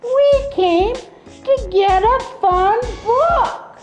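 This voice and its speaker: Tiny teddy bear puppet, very high and very slow, eager, in an echoey room with faint music. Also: heavily acted. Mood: cheerful. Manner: eager, wide-eyed.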